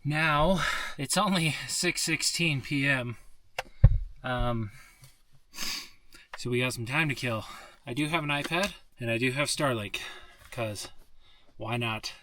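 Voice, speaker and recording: A man talking casually to camera as a solo camping vlogger, in a relaxed, understated way. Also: medium pitch, slow, pauses often. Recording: clear background noise, small clicks.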